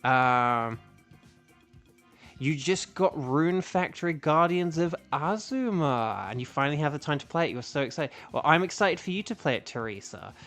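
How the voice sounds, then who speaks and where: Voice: medium pitch, animated, normal speed, a bit bright, soft background music. A livestream host of unclear sex chatting casually and ramblingly to viewers in an echoey room. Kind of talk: casual gaming livestream chat. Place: echoey indoor room, music behind.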